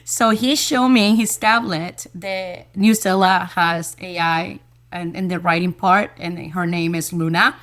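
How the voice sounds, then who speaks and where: A woman elementary school teacher, a guest in an interview, telling a story in a lively, enthusiastic way and repeating words as she goes. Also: on the low side, unhurried. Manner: lively storyteller who acts out quoted dialogue.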